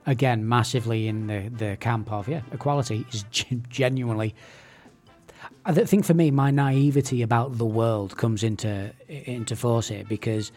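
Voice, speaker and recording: A man's voice: mid-range voice, moderate pace, darkish tone, faint music behind. Hesitant man in casual debate. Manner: thoughtful, hesitant, repeats words. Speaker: radio show host. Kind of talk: casual discussion.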